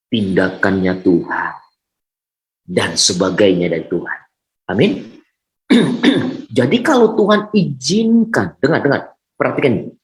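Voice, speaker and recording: A male pastor preaching a sermon, repeating key phrases and calling out to listeners to say amen. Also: on the low side. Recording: roomy echo.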